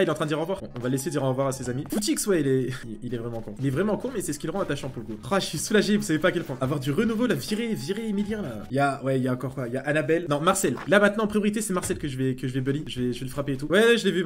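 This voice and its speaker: Fast-talking excitable young man streamer. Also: on the high side. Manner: excitable, quick reactions, bursts of laughter; talks to his chat. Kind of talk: live gameplay commentary.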